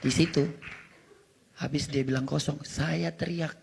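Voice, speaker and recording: A man sharing an emotional testimony, animated, often shouting and laughing as he tells his story. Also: fairly high pitch, measured pace, gravelly, slight background noise.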